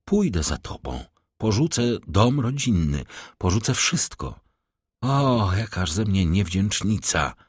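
A man's voice: fairly low pitch, big pitch swings, slow, breathy edge, dry recording, studio quality, heavily acted. A man reading an audiobook, voicing a desperate, pleading young woman in love with a tearful, raised voice. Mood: imploring. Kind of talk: audiobook reading of a classic novel.

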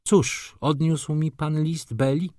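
A man's voice: a little high, fairly even intonation, slow pace, a little mellow, no room sound, studio quality, voice pushed up. A man reading an audiobook, voicing a haughty, capricious society lady who talks in an offended, reproachful, coquettish way.

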